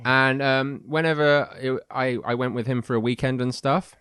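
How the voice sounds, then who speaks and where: A man's voice: mid-range voice, level tone, normal speed, fairly bright tone, smooth, no room sound, clean studio sound. A young man co-hosting a podcast, drunk, telling stories with lots of hesitation. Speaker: podcast co-host. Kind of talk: drunk casual storytelling.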